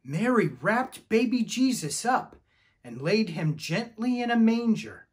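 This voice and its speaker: A man's voice: sits high, sing-song, measured pace, breathy edge. A man leading children's ministry, telling a Bible story to kids with enthusiasm and calling on them to join in. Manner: enthusiastic, calls for the audience to join in.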